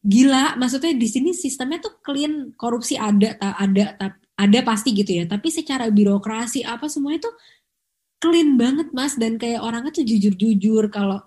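A young woman, co-hosting a podcast in casual, animated chat. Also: fairly high pitch, normal speed. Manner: chatty, animated storytelling with Jakarta slang. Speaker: podcast co-host.

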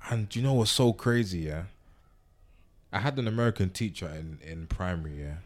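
A man's voice: deep voice, expressive, a little fast. A young man with a London accent chatting and telling anecdotes casually, in slang, repeating himself for emphasis.

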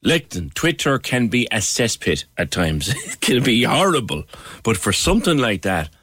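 A man's voice: mid-range voice, very animated, normal speed, fairly bright tone, husky, dry recording, studio quality. A man with a Cork accent hosting a radio talk show in a conversational interviewing style.

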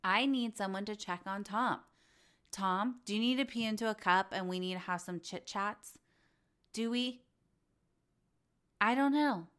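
A woman's voice: mid-range voice, a bit bright, smooth. Gossipy woman ranting about reality TV. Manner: gossipy and opinionated, with quick mocking impressions. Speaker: podcast host recapping reality TV. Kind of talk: casual chat.

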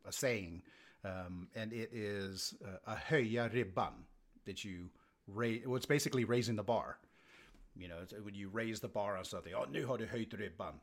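A man's voice: on the low side, moderate pace. A man in his fifties chatting casually, laughing easily and restarting his sentences. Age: 50s. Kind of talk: casual chat.

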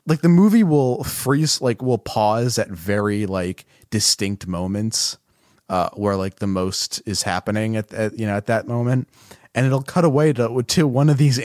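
A man's voice: mid-range voice, darkish tone, dry recording, studio quality. A man co-hosting a podcast, chatting casually about films, laughing often and swearing freely. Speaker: podcast co-host. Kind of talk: casual film review chat.

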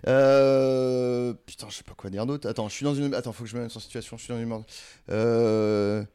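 A man's voice: mid-range voice, fairly even intonation, moderate pace, warm tone, clear, resonant tone. A man in his forties, an actor guesting on a podcast, chatting in a playful, self-mocking way with many fillers. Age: 40s. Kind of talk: casual podcast chat.

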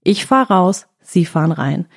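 A woman's voice: fairly low pitch, sing-song, unhurried. A woman telling a story in casual chat, quoting her own words as she goes.

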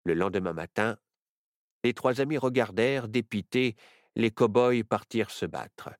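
A storyteller reading a children's adventure story aloud with expressive narration. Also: mid-range voice, measured pace, dry recording, clean studio sound.

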